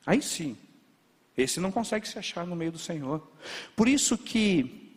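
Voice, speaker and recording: A man preaching a sermon as a pastor, telling stories in a lively way with sound words. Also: sits high, breathy edge. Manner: animated storytelling with sound words. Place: large church. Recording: long reverb of a church hall. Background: hall reverb.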